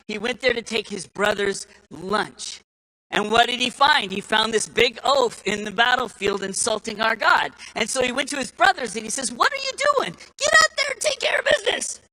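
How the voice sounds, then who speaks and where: A man's voice: very high voice, bright, forceful tone, low-quality recording. A man giving a speech at an event, telling a folksy story in an emphatic, repetitive way. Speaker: speaker at an election event.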